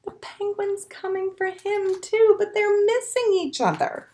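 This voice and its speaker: A children's storytime librarian and host reads a picture book aloud to young children, adding songs and asides. Her voice is very high-pitched and mellow, with a measured pace, and she reads expressively while speaking simply and encouragingly to the little ones.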